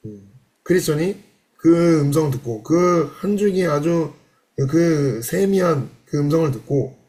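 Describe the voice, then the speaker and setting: Brief: male pastor in church, sermon style, rhetorical questions, slightly high voice. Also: darkish tone. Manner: reads passages aloud and explains with rhetorical questions. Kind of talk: sermon on a devotional classic.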